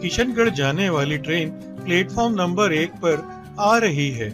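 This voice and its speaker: A formal railway station announcer comes over the station loudspeaker, as a man puts him on in a cartoon. He speaks in a raised voice with steady, measured announcing. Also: high voice, over music, pitched above the performer's own voice.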